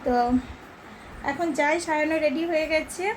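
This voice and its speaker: Bengali-accented woman vlogger, chatty, talks straight to viewers, high-ish voice, noisy phone audio. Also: fairly even intonation, moderate pace. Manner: chatty, addresses viewers directly. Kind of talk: casual daily vlog narration.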